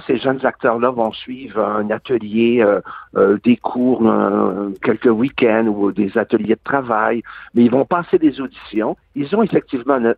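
A man's voice: medium pitch, creaky, no room sound, narrow, tinny audio. A man in his sixties with a Québécois accent, an actor guest talking at length in a radio interview. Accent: Québécois French. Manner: animated, long-winded monologue.

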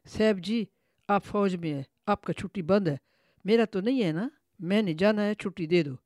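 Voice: medium pitch, darkish tone, no echo, clean studio sound, close to an everyday voice. A storyteller voicing a blunt, stubborn male servant who speaks in broken grammar.

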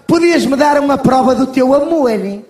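A man's voice: very high-pitched, expressive, normal speed, darkish tone, roomy sound. A man with a European Portuguese accent voicing a silly, bossy blonde young woman in a joke.

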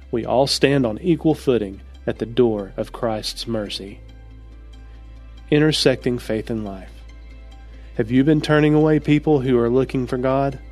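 A man reading a devotional story aloud in a calm, measured storytelling manner. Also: mid-range voice. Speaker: narrator. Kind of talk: scripted devotional narration.

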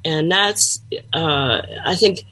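Slow, husky-voiced woman guest. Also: low-pitched, sharp tone. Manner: halting, searching for words. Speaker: guest, pastor and counselor. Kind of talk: conversational interview.

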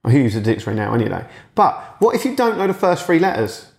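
A man's voice: mid-range voice, big pitch swings, quick pace, gravelly, echoey room. A man in his late thirties, a boxing coach, talking frankly in a casual monologue and swearing now and then. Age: late 30s. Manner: frank and chatty, swears, acts out remembered exchanges.

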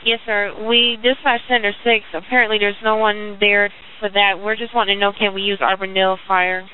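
A woman's voice: mid-range voice, level tone, moderate pace. A woman working as an emergency dispatcher, speaking procedurally in fire radio traffic over a two-way radio. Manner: procedural, reads back times. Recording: tinny narrowband radio, background noise.

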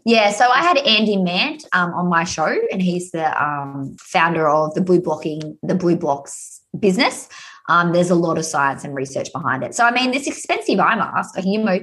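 A woman's voice: on the low side, lively intonation, moderate pace, a bit bright. Gushing Australian woman chatting casually. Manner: gushing, informal. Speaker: podcast guest, happiness coach and speaker. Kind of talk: casual chat.

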